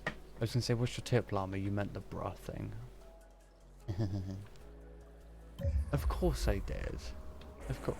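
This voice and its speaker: A man with a lowish voice, chatting loosely and swearing as he plays. He rambles and loses his train of thought, with game music running clearly underneath. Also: slow pace, long pauses. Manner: rambling, sweary, easily distracted. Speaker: streamer. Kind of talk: casual gameplay commentary.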